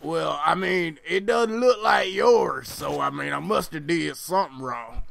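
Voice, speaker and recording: Bewildered, polite old Southern country man with an apologetic drawl, as a young man puts him on. Bright, slightly raised voice. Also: on the high side, a little slow, creaky, heavily acted. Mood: puzzled.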